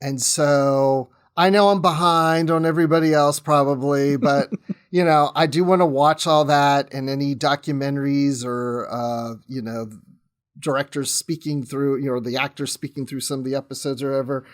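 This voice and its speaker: In a mid-range voice with a steady tone, this man talks at a moderate pace as a chatty podcast guest. The conversation is casual, and he keeps interrupting and restarting his own sentences.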